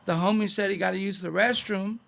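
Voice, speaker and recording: A man with a Los Angeles Chicano accent spins slangy street stories in a loose interview. His voice sits high and carries a heavy gravelly fry, and he slips into the voices of the people he quotes. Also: steady tone, a little fast, fairly bright tone. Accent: Los Angeles Chicano English. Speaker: guest. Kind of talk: casual storytelling interview.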